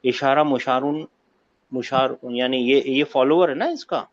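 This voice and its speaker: A man's voice: medium pitch, dry recording, muffled recording. A man teaching a grammar class online, patiently quizzing his students and repeating key points. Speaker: Arabic teacher.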